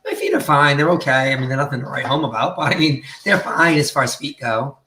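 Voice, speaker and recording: A man's voice: medium pitch, fast, pushed and bright. A man with a campy drag queen manner, chatting and bantering casually on a live stream. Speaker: drag performer hosting a live brunch stream. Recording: roomy, echoing live-stream sound.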